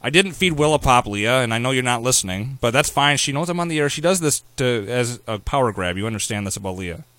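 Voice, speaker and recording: A man's voice: medium pitch, expressive, fast, hardly any pauses, a bit bright, dry recording. A man hosting a talk radio show, ranting in a sarcastic, opinionated way.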